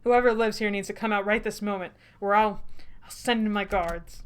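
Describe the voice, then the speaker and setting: A woman's voice: mid-range voice, fairly even intonation, moderate pace, clear, resonant tone, natural voice. Fields: Figure: pompous king, woman voicing him. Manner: huffy. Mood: demanding. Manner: huffy, self-important proclamations. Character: pompous greedy male king, bossy and indignant.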